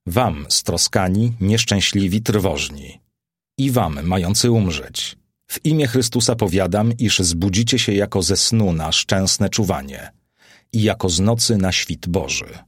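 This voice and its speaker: An aged apostle, read by a man, preaching to a frightened crowd with solemn, swelling fervour. The voice sits low and carries a husky grain, set close and dry with no room around it. His lines are commanding and exalted, delivered as a storybook sermon. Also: lively intonation, unhurried, dry recording, heavily acted. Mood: fervent. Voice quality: solemn, rising to exalted declamation. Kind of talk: audiobook character reading.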